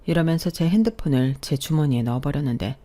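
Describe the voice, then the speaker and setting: A woman's voice: low-pitched, fast talker, mellow. A woman tells a family story as first-person narration in a radio drama. Her telling is confiding and personal, as if recounting her own experience.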